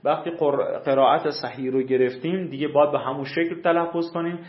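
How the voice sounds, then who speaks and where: A man's voice: on the high side, steady tone. A male teacher giving a classroom lecture on recitation rules, explaining patiently and quizzing his students. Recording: echoey room, dull lo-fi sound.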